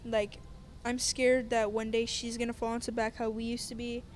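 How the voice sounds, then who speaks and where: A woman's voice: on the high side, little pitch movement, normal speed, slight background noise. A woman talking earnestly and hesitantly in a casual podcast chat, often searching for her words.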